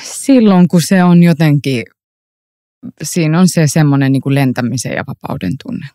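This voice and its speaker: A woman actor as a podcast guest, telling lively anecdotes with frequent laughter and many fillers, recorded in a library room. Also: deep voice, dry recording, studio quality. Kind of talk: casual interview storytelling.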